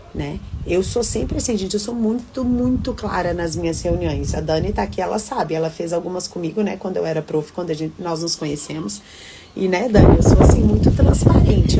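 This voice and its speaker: Expressive woman telling a heartfelt story. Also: medium pitch, vocal fry, noisy background. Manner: expressive, animated, addresses listeners directly. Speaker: teacher sharing a testimony in a women's devotional. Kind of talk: casual heartfelt storytelling to a group. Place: home.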